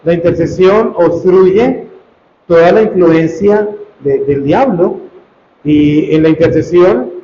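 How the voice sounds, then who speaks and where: A man with a high yet dark, mellow voice preaches a sermon as a priest, speaking slowly and emphatically and repeating his key phrases. The recording is dull and echoey, as if made in a church or hall, with faint ambient noise behind him. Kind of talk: sermon teaching.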